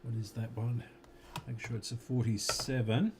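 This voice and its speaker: Background noise accompanies a gravelly, mid-range voice with a level tone. The speaker is an Australian electronics repair hobbyist casually narrating a radio repair at his workbench, muttering slowly to himself and at times talking with his mouth full.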